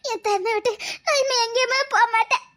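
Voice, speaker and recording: A woman playing a shrill, tearful young lover. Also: fairly even intonation, a little fast, fairly bright tone. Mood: joyful. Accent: Tirunelveli Tamil. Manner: tearful, insistent, laughing through sobs. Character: devoted young woman clinging to her paralysed lover. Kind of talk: comedy skit acting.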